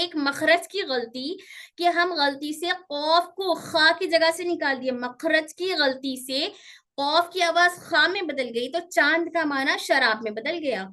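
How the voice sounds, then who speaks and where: Bright, high-voiced woman teaching pronunciation. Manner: explains slowly, drills sounds by repeating them; strict with pupils. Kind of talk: online Quran pronunciation lesson.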